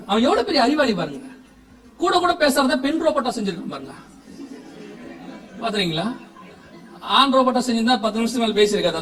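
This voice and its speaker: A man with a strikingly high voice preaches in Tamil with a Tamil accent, throwing questions to his listeners and laughing along. He sounds a little far from the mic, in an echoey church hall. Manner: lively, questioning the congregation, frequent laughter. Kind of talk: sermon.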